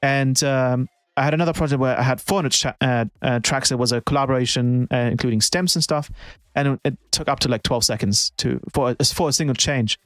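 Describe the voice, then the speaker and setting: A man's voice: mid-range voice, brisk, fairly bright tone, dry recording. A man who produces music, chatting casually on a live stream and thinking aloud with many restarts.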